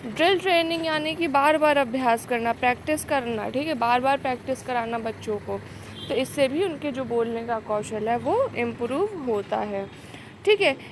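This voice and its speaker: A woman with a somewhat high voice lectures on teaching methods, mixing English terms into her explanations. She keeps checking in with her listeners as she goes. A faint background noise sits under the recording. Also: expressive, moderate pace. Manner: explains in Hindi mixed with English terms, frequent "ठीक है" check-ins. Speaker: teacher exam coach. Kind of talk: pedagogy lecture.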